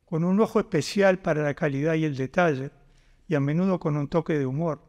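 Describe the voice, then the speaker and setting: A man in his sixties with a Uruguayan Spanish accent, a university vice-rector reading a formal ceremony speech at a podium microphone, in a measured and deliberate way. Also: a little high, a little mellow. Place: large concert auditorium stage. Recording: long hall reverb.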